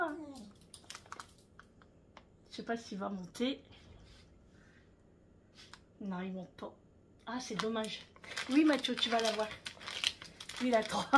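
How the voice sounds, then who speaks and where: A woman's voice: fairly high pitch, noisy background. A middle-aged woman chatting casually at home in a vlog, rambling with lots of fillers as she shows what she bought. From France. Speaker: vlogger. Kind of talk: casual haul vlog chat.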